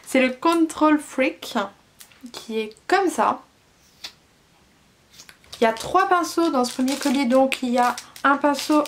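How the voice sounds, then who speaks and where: A woman's voice: high-pitched, slight background noise. A young woman from France chatting enthusiastically through a beauty unboxing, listing each product with frequent fillers. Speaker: beauty vlogger. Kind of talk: casual unboxing chat.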